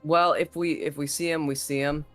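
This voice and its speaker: A man's voice: on the high side, little pitch movement, fairly quick, a bit bright, soft background music. A man playing a tabletop role-playing game, reasoning casually and cautiously in character.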